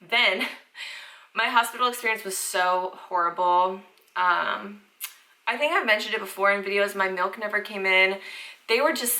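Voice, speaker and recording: A young parenting vlogger from the Southern United States chats casually to the camera, constantly saying "like" and "freaking". Her mid-range voice sounds pushed and bright, and the recording quality is poor.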